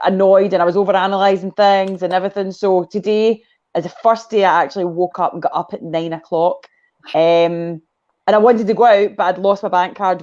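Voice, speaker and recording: Chatting casually on a video call, a Scottish guest rambles through a lengthy story and drifts off on side topics. She has a lowish, darkish voice, recorded with lo-fi sound.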